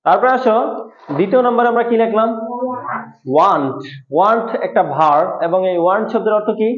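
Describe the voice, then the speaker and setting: Quick, high-voiced man teaching a class. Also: crowd noise. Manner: asks a question, then repeats it for the class. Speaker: English teacher. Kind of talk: classroom lesson with call and response. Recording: echoey room, tinny phone-like sound.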